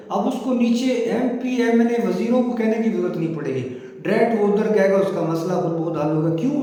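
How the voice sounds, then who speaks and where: A man delivers an exhortative devotional sermon, pressing his listeners with rhetorical questions. His voice sits high for a man. The recording rings with a strong echo and a long reverb tail. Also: dark tone. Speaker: religious preacher. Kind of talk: devotional sermon to video viewers. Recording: echoey room with long reverb.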